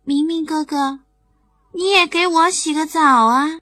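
Woman doing a squeaky little bunny. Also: a little slow, bright, forceful tone, dry recording. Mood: friendly.

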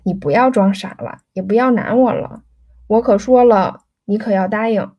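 A woman's voice: medium pitch, moderate pace, highs cut off, close to an everyday voice. A woman voicing an insistent young rich man who keeps pressing a girl for an answer, pleading and pushy.

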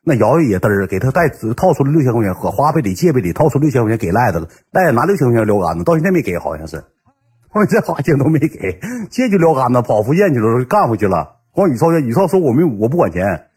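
Brash, husky man. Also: mid-range voice, quick pace. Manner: brash, swearing, animated. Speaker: storyteller. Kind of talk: casual anecdote telling.

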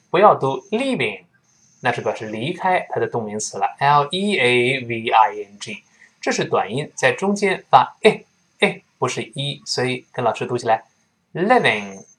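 A man teaching English pronunciation to learners, explaining each sound and modeling words slowly for students to repeat. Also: medium pitch, fairly bright tone. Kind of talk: spoken English lesson for learners. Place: lives in Sydney.

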